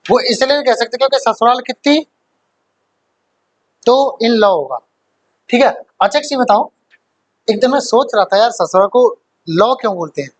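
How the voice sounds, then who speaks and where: A man's voice: very high voice, expressive, moderate pace, long pauses, poor audio. A man teaching a grammar class who quizzes his students, repeats key points, and mixes English terms into his explanations. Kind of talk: classroom lecture.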